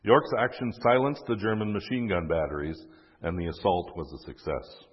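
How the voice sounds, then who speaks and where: Husky low-voiced man telling history. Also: animated, moderate pace. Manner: casual, self-deprecating asides with fillers. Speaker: history storyteller. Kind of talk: casual history narration. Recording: dull, echoey recording.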